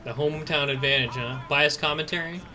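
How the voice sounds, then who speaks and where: A man's voice: a little high, brisk, over music, rough recording. A man hosting a game playthrough with casual, wry, riffing commentary. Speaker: host playing through a video game.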